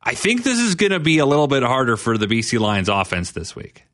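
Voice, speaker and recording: A man hosting a sports talk show who sets up questions with facts in a measured way. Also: mid-range voice, huge pitch swings, fairly bright tone, no room sound, clean studio sound. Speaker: host.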